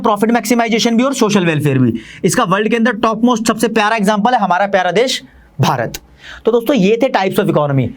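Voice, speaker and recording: A man with an Indian accent teaching commerce in a fast, chatty online lecture, talking straight to his students. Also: sits high.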